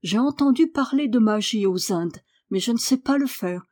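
A woman's voice: on the high side, lively intonation, moderate pace, darkish tone. A woman voicing a willful young girl who speaks firmly and earnestly. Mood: wondering. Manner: firm, earnest.

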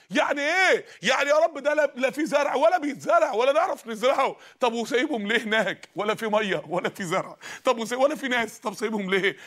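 A man with an Egyptian Arabic accent preaching in colloquial style, impassioned, swinging from shouts to hushed storytelling. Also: very high-pitched.

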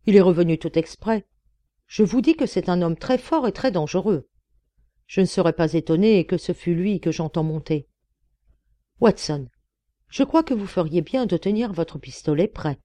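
A woman voicing a decisive male detective giving crisp orders in an audiobook. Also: fairly low pitch, animated, normal speed, warm tone, dry recording, lightly acted. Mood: commanding. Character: sharp, commanding male detective.

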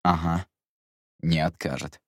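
A man voicing a brusque young man who talks low, clipped and insulting. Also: steady tone, takes it slowly, fairly bright tone, no room sound, studio quality, exaggerated voice. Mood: gruff, hushed.

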